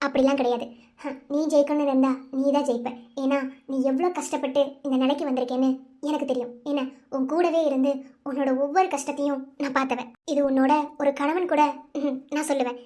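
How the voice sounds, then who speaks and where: A woman's voice: high voice, darkish tone, natural voice. A woman voicing a bold, teasing young wife. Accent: Madurai Tamil. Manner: bossy, teasing, scolding fondly. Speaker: wife of the tender winner. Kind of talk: cartoon voice acting.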